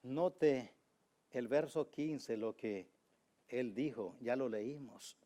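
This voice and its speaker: A male pastor preaching a sermon. He speaks emphatically, repeats key phrases and tells anecdotes, moving from loud, high exhortation to low, quiet asides. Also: slow. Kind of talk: Spanish-language sermon.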